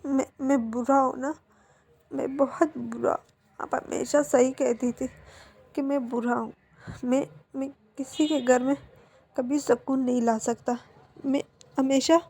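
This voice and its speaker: A woman's voice: high voice, steady tone, unhurried, pauses often, warm tone, husky, no room sound, full character voice. A woman voicing a remorseful young man who begs his mother's forgiveness, tearful and stammering. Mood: soft.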